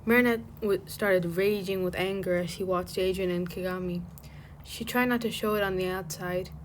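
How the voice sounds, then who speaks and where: A woman's voice: lowish voice, fairly even intonation, moderate pace, slight background noise. A woman hosting a fan fiction channel, chatting in a rambling way and then reading a story aloud. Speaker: fanfic channel host and reader. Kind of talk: casual chat and story reading.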